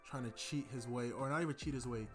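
A man's voice: mid-range voice, fast, a bit bright. Rambling young man reviewing music. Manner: loose and rambling, lots of fillers. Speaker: podcast host. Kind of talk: casual music review chat.

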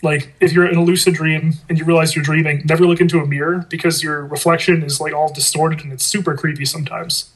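A man co-hosts a casual podcast with a fairly high, husky voice. He keeps the talk playful and jokey. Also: flat delivery, quick pace, a bit bright, low-quality recording. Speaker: podcast co-host. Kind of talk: casual chat.

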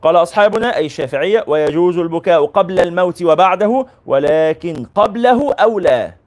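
A man's voice: high voice, animated, a little fast. A man teaching as a sheikh, reading a classical religious text aloud and explaining it in colloquial asides. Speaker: sheikh teaching a hadith book.

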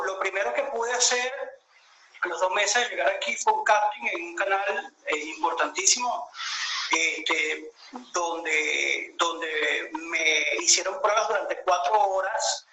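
A high, sharp voice comes from a Venezuelan man in his late thirties, speaking slowly as an interview guest on a video call. He recounts his story reflectively with many hesitations, and the low-quality recording carries room echo plus a little hiss or hum.

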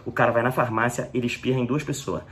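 A man's voice: mid-range voice, steady tone, quick pace, fairly bright tone, slightly rough. A man with a Brazilian accent giving a rambling, profane comic monologue at home, acting out scenes with exaggerated coughs. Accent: Brazilian Portuguese. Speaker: comedy vlogger. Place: indoors at home.

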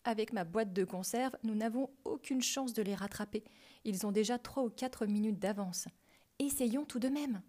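A woman's voice: fairly high pitch, normal speed, dark tone, close to an everyday voice. A woman voicing a bewildered, impulsive male reporter in a storybook reading. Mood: puzzled. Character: bewildered grown man reporter, cheerful.

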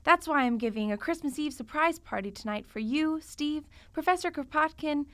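An actress playing a naive, sweet young roommate in a 1940s radio comedy, with a bubbly, innocent delivery. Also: female voice, sits high, animated, normal speed, a bit bright. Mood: cheerful.

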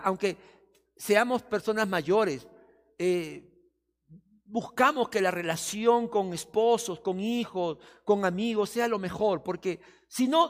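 A male pastor preaching a sermon, often acting out doubters and busy churchgoers in quick quoted asides. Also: high-pitched. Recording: long reverb of a church hall.

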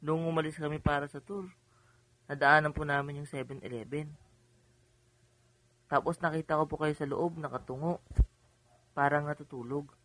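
A man's voice: a little high, steady tone, moderate pace, long pauses, natural voice, rough recording. A man voicing a shy, tearful young boy who speaks politely and hesitantly in an audio drama. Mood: curious. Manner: polite, hesitant, softly upset.

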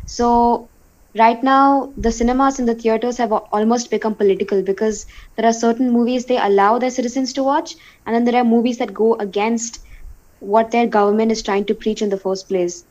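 A young woman from India talks through her points at length, often repeating words as she restarts. Her voice sits fairly high, and the recording sounds dull and lo-fi. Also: steady tone, fairly quick, darkish tone, slight background noise. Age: young adult. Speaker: podcast co-host. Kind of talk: casual discussion.

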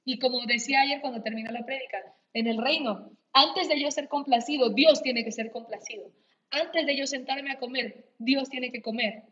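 A woman's voice: sits high, fairly even intonation, moderate pace, a bit bright, lo-fi sound. A woman co-pastor preaching a sermon, repeating her points with emphasis.

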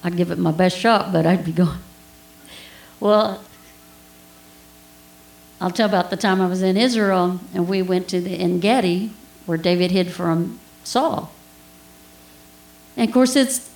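A woman's voice: medium pitch, creaky. Chatty woman teaching in an echoey room. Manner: chatty storytelling with laughs and asides. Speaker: Bible study teacher. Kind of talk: informal sermon with personal story.

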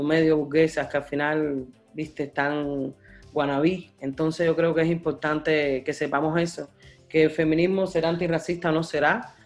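A man speaking as a guest artist and activist in a radio interview, passionate, often repeating and searching for words. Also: fairly high pitch.

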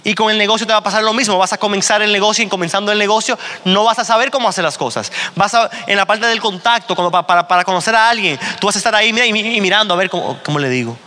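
Guy giving a pep talk at a business meeting, high bright voice, keeps asking "right?", big echoey hall. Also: very fast, few pauses. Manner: storytelling, often asks "¿verdad?". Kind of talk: motivational talk. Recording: long hall reverb.

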